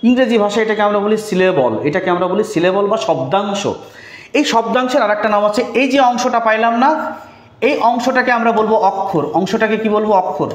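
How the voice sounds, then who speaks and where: A man's voice: high voice, quick pace, reverberant. A man teaching a live online grammar class, repeating key points and quizzing his listeners as he goes.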